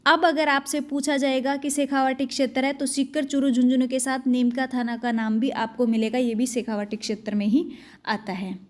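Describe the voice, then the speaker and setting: A young woman teacher working quickly through exam questions, asking each question and then giving the answer. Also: high voice, fairly even intonation. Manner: fast, brisk question-and-answer delivery. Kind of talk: exam-prep quiz lesson.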